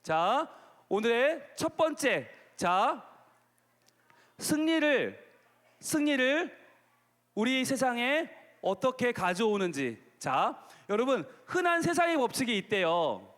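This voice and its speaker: A pastor gives a children's sermon in a very high voice that bounces up and down. He talks playfully and keeps asking the kids questions. His voice rings with the long reverb of a large gymnasium. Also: big pitch swings, slow, fairly bright tone.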